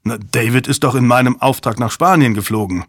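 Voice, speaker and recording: A man's voice: mid-range voice, brisk, fairly bright tone, no echo, studio quality. A man reading an audiobook voices a tired, middle-aged intelligence commander who defends himself firmly and with growing impatience. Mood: calm. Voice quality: firm, justifying, slightly impatient. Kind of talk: audiobook character voice.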